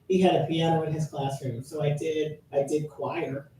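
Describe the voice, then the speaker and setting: A woman's voice: fairly even intonation, moderate pace, dark tone, distant mic. A woman in her late thirties from Trinidad, a musician guest chatting thoughtfully on a radio show with many restarts. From Trinidad and Tobago. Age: late 30s. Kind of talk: casual interview chat. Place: radio studio. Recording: echoey studio, off-mic, faint rumble.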